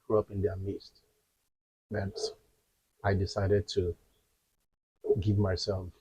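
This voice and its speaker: A Nigerian man, an entertainer and guest, introducing himself in a measured, deliberate way. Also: on the low side, warm tone, breathy edge, dry recording. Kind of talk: self-introduction. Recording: dry, dull lo-fi sound.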